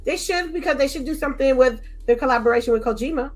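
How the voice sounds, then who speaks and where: A fast-talking American woman with a high voice hosts a casual gaming podcast, reading listener questions aloud to her co-hosts. She sounds apologetic and laughs as she reads, keeping the chat relaxed.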